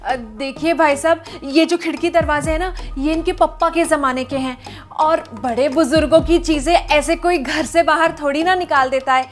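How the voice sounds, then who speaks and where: A woman's voice: high-pitched, normal speed, hardly any pauses, soft background music, close to an everyday voice. A woman playing a giggly, chatty housewife. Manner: laughing and talkative. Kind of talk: comedy sketch acting.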